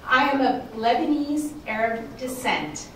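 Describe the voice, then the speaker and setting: Female panel speaker, American, unhurried and sincere, roomy distant recording. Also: sits high, big pitch swings, a little hiss or hum. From United States. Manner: earnest, measured, with fillers. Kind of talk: prepared speech at a forum. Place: museum event space. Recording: echoey hall from far off.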